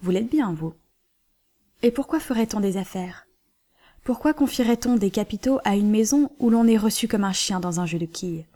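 A man's voice: sits high, lively intonation, normal speed, warm tone. A woman reading a gloomy worried banker. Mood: plaintive. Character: worried middle-aged male banker, gloomy.

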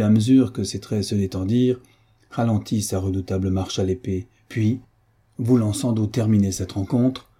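Male reader, deep, very dark, husky tone, measured novel reading. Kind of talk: reading a classic novel aloud.

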